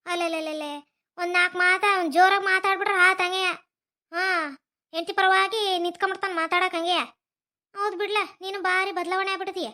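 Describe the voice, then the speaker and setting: A woman's voice: extremely high pitch, fairly even intonation, brisk, pushed and bright. A woman playing a nagging old village mother-in-law. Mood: taunting. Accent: North Karnataka Kannada. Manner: nagging, mocking.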